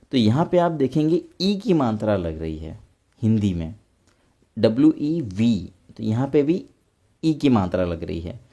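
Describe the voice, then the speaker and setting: A man's voice: mid-range voice, mellow. A young man patiently explaining English pronunciation step by step, speaking as a teacher in a lesson.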